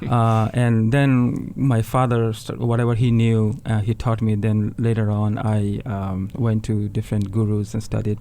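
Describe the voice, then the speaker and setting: A man from Bangladesh, a tabla player, talking in a radio interview in a halting way and often restarting words. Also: lowish voice, level tone, mellow. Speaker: tabla player, guest musician. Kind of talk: casual interview talk.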